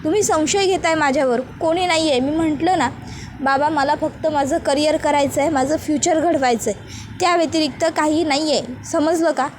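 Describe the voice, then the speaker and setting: A woman's voice: high voice, moderate pace, slight background noise, close to an everyday voice. Woman doing a defiant young bride-to-be. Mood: protesting. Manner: pleading, protesting.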